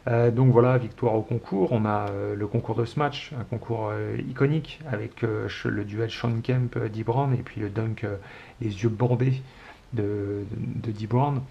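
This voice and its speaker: A Frenchman in his forties hosts a casual solo chat show, rambling fondly and nostalgically with many hesitations. His voice is lowish, husky and a little slow, with fairly even intonation and vocal fry. The recording is a dull home one with faint hiss.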